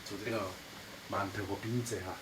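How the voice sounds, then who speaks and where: Sichuanese man chatting over clear noise. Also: on the low side, steady tone, fast. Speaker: vlogger son of the family. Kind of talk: casual vlog chat. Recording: noisy handheld home video.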